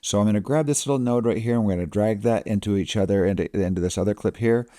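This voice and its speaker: A man narrating a casual software tutorial as an editing instructor, recorded as a close voice-over. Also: lowish voice, fast talker, no room sound.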